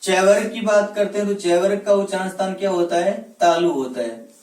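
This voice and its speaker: A high-voiced man teaching a grammar lesson, asking questions and answering them himself. His voice sounds a bit distant from the mic, in an echoey room. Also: a little mellow. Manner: spells out letters slowly one by one. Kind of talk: classroom lecture.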